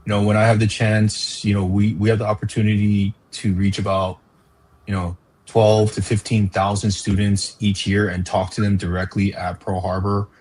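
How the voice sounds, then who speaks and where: A man's voice: fairly low pitch, monotone, moderate pace, darkish tone, slightly rough, low-quality recording. A man from Hawaii, a park educator, talking earnestly as an interview guest with frequent fillers. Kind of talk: casual interview chat.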